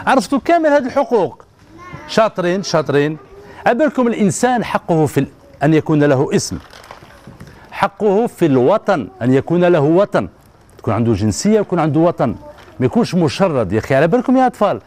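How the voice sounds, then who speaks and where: A man's voice: a little high, sing-song, fast talker, a little mellow. A man in his thirties with an Algerian Arabic accent, hosting a children's TV show in a studio and coaxing the kids with questions. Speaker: children's TV host. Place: colorful TV studio set with children audience. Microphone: handheld mic.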